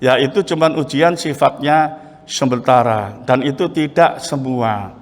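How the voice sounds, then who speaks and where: A middle-aged man preaching a sermon in a folksy storytelling way, with many "ya" fillers and sudden high exclamations. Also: unhurried. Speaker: pastor. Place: church sanctuary. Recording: church hall reverb.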